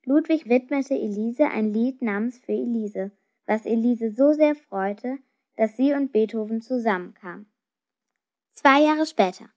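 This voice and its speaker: Brief: woman narrator with an expressive storytelling manner, muffled audio. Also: fairly high pitch, a little slow. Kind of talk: storybook reading. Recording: dull lo-fi recording.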